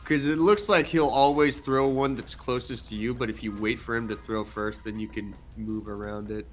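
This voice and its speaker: A man's voice: medium pitch, steady tone, moderate pace. A man chatting casually as co-commentator over gameplay, offhand and wry. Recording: game music behind. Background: video game music.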